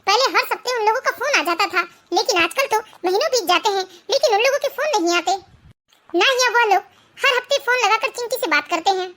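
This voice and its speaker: A domineering elder daughter-in-law from an animated family story, as a woman puts her on, scolding and bossy. The voice sits very high and sounds bright and sharp. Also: fairly quick, heavily acted. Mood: bossy, scornful. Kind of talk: animated cartoon voice acting.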